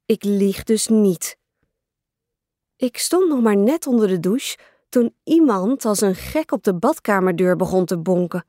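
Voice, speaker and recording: A woman narrating a teen diary story in the first person, expressive and dramatic. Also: medium pitch, unhurried, no echo, studio quality. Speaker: audiobook narrator.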